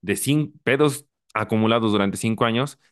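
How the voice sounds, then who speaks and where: A man with a Mexican accent hosting a casual chat, reflecting back what his guest said with halting restarts. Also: lowish voice, clean tone. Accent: Mexican Spanish. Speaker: host.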